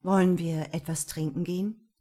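A woman voicing a self-assured, flirtatious male prosecutor in a storybook reading, with a low, coaxing delivery. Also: steady tone, moderate pace, warm tone, close to an everyday voice.

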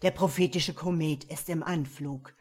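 Woman doing a fire demon overlord, deep and booming, loud, commanding, slow, wrathful, storybook. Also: fairly even intonation, slightly rough. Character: thundering male fire demon lord, wrathful.

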